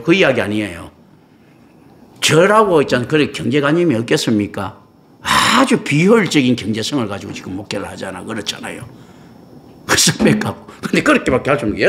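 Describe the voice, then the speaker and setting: A middle-aged male pastor delivering a sermon, his fairly high voice leaping up and down with animated swings. He talks bluntly and colloquially, leans on rhetorical questions, and slips into short acted-out quotes of imagined people. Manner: acts out imagined speakers in quoted asides.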